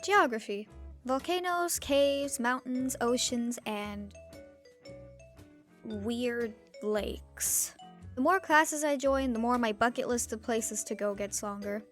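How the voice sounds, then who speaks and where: A teenage girl from Turkey, a YouTuber, delivers a scripted vlog monologue in a highish voice at a slow pace. Her tone is wry and sarcastic, broken by sudden comic outbursts, with soft music playing underneath.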